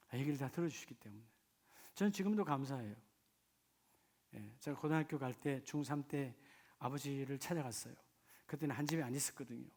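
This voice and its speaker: In a church sanctuary, a middle-aged pastor from the Gyeongsang region of Korea preaches at a medium pitch. His sermon swings from quiet, personal storytelling to fervent, booming appeals.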